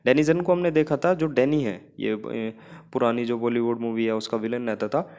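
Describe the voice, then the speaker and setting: A man's voice: medium pitch, steady tone, normal speed, a little mellow. A man with an Indian accent teaching English vocabulary for exam prep, explaining memory tricks and repeating key phrases.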